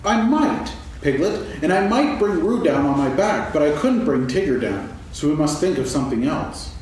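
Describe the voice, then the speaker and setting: A woman's voice: deep voice, big pitch swings, normal speed, darkish tone, slight background noise. A woman playing Pooh, a mild, simple, kindly bear with an earnest manner, in a staged reading of a children's play. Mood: puzzled, thoughtful. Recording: echoey hall recorded from far off.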